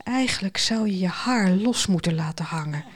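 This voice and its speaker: A woman voicing a charming but controlling young man in a storybook, smooth and quietly commanding. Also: medium pitch, lively intonation, moderate pace, close to an everyday voice.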